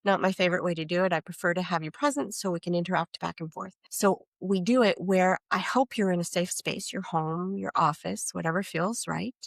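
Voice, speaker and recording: A woman's voice: fairly low pitch, a little fast, vocal fry, hardly any pauses. A middle-aged woman talks casually as a guest on a podcast, explaining her work. She breaks into the voices of people she quotes as she tells her stories. Her voice is recorded dry, with no room echo. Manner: animated storyteller, acts out quoted voices. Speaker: energy coach guest.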